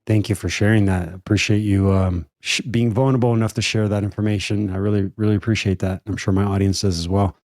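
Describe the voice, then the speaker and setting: A man's voice: fairly low pitch, steady tone, fast talker, hardly any pauses, a little mellow, dry recording, studio quality. A man in his thirties hosting a podcast, talking casually and rambling with repeated words and fillers. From Brazilian family background. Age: 30s. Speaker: podcast host. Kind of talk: casual conversational interview.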